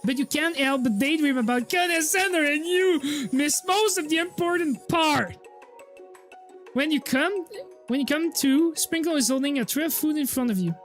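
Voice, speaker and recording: A woman's voice: high-pitched, moderate pace, soft background music. A woman streamer reading a visual novel aloud in a playful way and laughing often.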